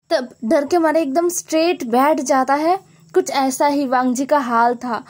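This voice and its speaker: A woman's voice: sits high, darkish tone. A woman retelling a story in a casual, chatty way, often stopping to explain with asides. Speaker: story narrator.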